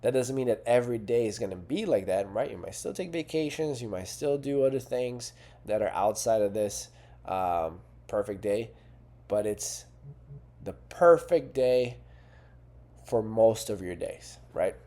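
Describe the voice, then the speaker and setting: A man with a fairly low, mellow voice speaks as a coach. He talks in an earnest, conversational way and checks in with the listener often. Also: lively intonation, measured pace. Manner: earnest, conversational, with fillers and rhetorical "right?". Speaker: fitness coach. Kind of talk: coaching talk to camera.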